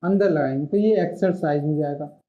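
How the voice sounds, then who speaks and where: Speaking a little fast in a fairly high voice, a man teaches shorthand in an online classroom. His explanations are patient, punctuated by frequent stops where he asks questions and answers them himself, and the recording is muffled and lo-fi.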